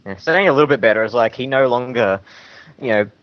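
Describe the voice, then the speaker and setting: A man's voice: medium pitch, fast talker, muffled recording, a crowd in the background. A man co-hosting a podcast, joking crudely and boasting about himself. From Australia. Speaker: podcast co-host. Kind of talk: casual banter.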